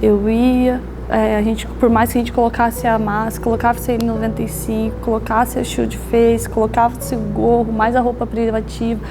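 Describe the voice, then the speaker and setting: A woman's voice: fairly high pitch, little pitch movement, normal speed, few pauses, noisy background. A woman in her thirties with a Brazilian accent, a health worker speaking steadily and matter-of-factly in a documentary interview. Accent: Brazilian Portuguese. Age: 30s.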